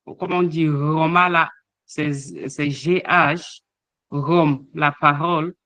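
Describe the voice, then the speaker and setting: A man's voice: a little high, steady tone, takes it slowly, pushed and bright, no room sound, rough recording. A man teaching an online language lesson, hesitating often with fillers as he sounds out letters and example words. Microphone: online call microphone.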